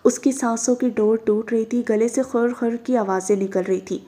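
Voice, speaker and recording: A woman narrating a novel in an expressive, dramatic reading. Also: a little high, normal speed.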